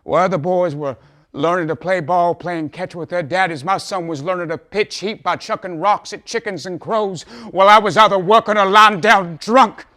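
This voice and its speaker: A mid-range male voice, only lightly acted, delivers a theatrical monologue as a troubled father with a folksy manner. The earnest plea is by turns halting and impassioned.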